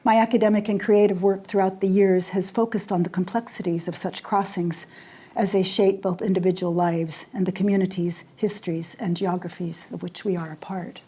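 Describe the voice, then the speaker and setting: Older woman scholar from Jordan delivering a formal lecture; measured, warm, dark-toned voice. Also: medium pitch, level tone, husky. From raised in Jordan. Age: 60s. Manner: measured, deliberate delivery with weighty pauses. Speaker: poet and scholar giving a lecture.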